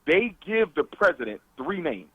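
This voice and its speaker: A man's voice: on the high side, sing-song, normal speed, husky, no room sound, phone-quality sound. A man calling in as a guest to a radio talk show, lecturing emphatically over a call-in line.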